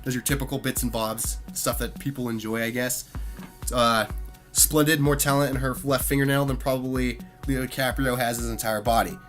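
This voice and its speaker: A man's voice: medium pitch, steady tone, normal speed, a bit bright, soft background music. A man hosting a casual podcast chat while sick with a plugged nose, talking in a rambling, self-deprecating way into a gaming headset mic. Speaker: podcast host.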